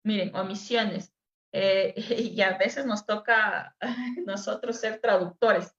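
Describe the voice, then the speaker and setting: A woman's voice: medium pitch, fairly even intonation, slow pace. Woman teacher in an echoey room. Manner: explains patiently, addresses the group directly. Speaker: teacher running a dyslexia workshop. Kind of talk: online workshop explanation. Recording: echoey room, dull lo-fi sound.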